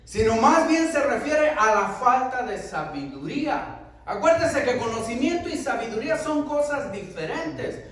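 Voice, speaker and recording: A man preaches in a very high voice, his pitch rising and falling with emphasis. He asks rhetorical questions in a sermon style. He is heard from far off, with heavy echo filling the church hall. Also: a bit bright. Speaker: pastor. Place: church sanctuary.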